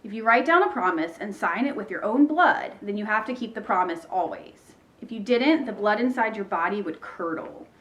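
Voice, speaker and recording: Woman teacher, children's book read-aloud, lively varied intonation. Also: mid-range voice, normal speed, few pauses.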